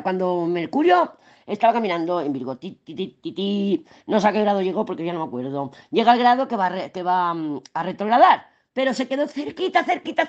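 A woman's voice: fairly low pitch, muffled recording. A woman with a Spain Spanish accent giving a casual tarot reading, chatty and rambling, swearing freely as she talks. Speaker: tarot and astrology reader.

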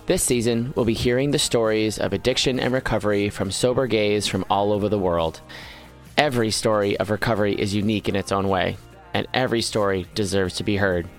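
A man's voice: fairly low pitch, steady tone, a little fast, soft background music. A man hosting a podcast, reading a scripted intro and then interviewing a guest in an upbeat, encouraging way. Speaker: podcast host.

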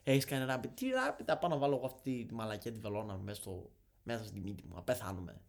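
A young man voicing a grumpy old man at a village café who scoffs at being ill, gruff and low. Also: animated. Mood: scoffing. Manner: gruff, dismissive, swearing.

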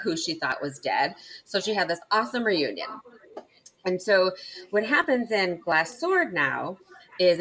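A woman's voice: on the low side, fairly bright tone, low-quality recording. A woman hosting a casual book discussion, recapping the plot with enthusiasm and laughing often. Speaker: book podcast host.

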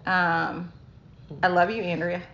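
A woman's voice: fairly low pitch, little pitch movement, slow pace, gravelly, a bit bright, highs cut off. A middle-aged woman co-hosting a podcast in casual chat, laughing often, recorded on a phone. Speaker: podcast co-host.

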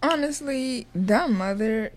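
A woman's voice: fairly high pitch, lively intonation, slow. Woman, co-host; sassy, blunt, casual chat.

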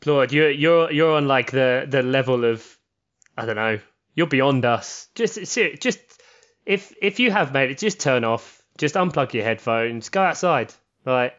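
A man's voice: medium pitch, animated, measured pace, a bit bright, lo-fi sound. A tired man, co-hosting a podcast in casual, sweary, rambling chat. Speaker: podcast co-host.

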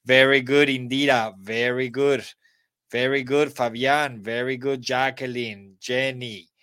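Slow, patient Colombian teacher. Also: male voice, mid-range voice, steady tone, fairly bright tone, smooth, no echo. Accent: Colombian Spanish. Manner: spells letters aloud, praises students by name. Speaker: English teacher. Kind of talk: live online class.

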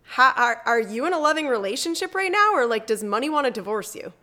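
A woman's voice: on the high side, big pitch swings, fast, sharp tone. Upbeat woman podcast co-host. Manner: enthusiastic, swears casually, laughs often. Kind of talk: casual chat.

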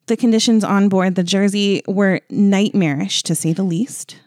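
A woman's voice: medium pitch, moderate pace, darkish tone, dry recording, studio quality. A woman co-hosting a podcast, telling a history story casually with lots of fillers and wry asides. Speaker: podcast co-host.

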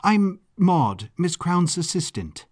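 A man's voice: sits high, very animated, slow pace, voice pushed up, full character voice. A man voicing a shy young woman assistant who talks in a hesitant, stumbling way. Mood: flustered.

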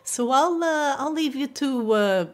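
A woman voicing a wary male were-rat in a tabletop game, with a twitchy, squeaky rat voice and nervous, halting speech. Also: expressive.

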